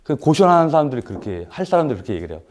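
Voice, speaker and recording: Fairly high and sing-song, with a darkish tone, this man's voice comes out rapid-fire as he gives a live lecture to an audience indoors. He's a lecturer at a paid business seminar, nursing a throat cold, and he chats casually with rhetorical questions and many "uh" fillers.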